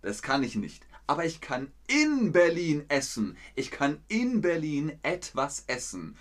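A man teaching German in a live lesson, answering viewers' chat questions slowly and clearly with encouragement. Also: on the high side, huge pitch swings. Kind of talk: live-streamed language lesson.

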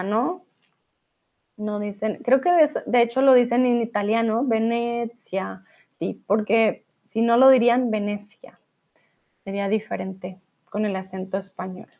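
A woman teaching a live online Spanish lesson, pausing to spell words out and explain their meanings. She speaks slowly, with a slightly high voice. The recording is dull and lo-fi.

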